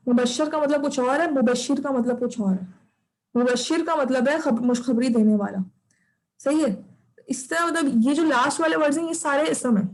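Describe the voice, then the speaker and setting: High-pitched woman, teaching an online arabic class, patient, repeats stuff and keeps checking in. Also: darkish tone, rough recording.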